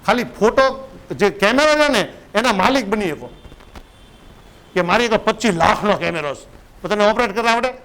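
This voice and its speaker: Guy coaching photographers, really high voice, keeps going "right?". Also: animated, moderate pace, fairly bright tone, low-quality recording. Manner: conversational, keeps asking "right?" to check in. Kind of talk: motivational business lecture.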